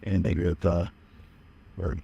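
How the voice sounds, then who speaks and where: Older man from Massachusetts, low-voiced and mellow, rambling casual recollections. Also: little pitch movement, takes it slowly, vocal fry, husky, lo-fi sound. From Manchester, Massachusetts. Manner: rambling, chuckling, lots of fillers. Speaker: musician interviewed about his early band days. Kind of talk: casual interview reminiscing.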